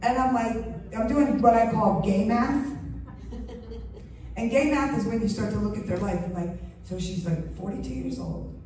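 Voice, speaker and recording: A woman's voice: fairly high pitch, normal speed, mellow, distant mic. A middle-aged woman doing a stand-up comedy set, telling stories in a chatty way and acting out sounds and voices. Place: comedy stage before a live audience. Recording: echoey stage, mic heard from afar with faint noise.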